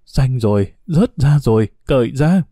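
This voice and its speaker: Pregnant young village woman, blunt and plain-spoken, voiced by a male narrator; warm dark timbre. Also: medium pitch, expressive, measured pace, slightly rough, no echo, studio quality. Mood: pained.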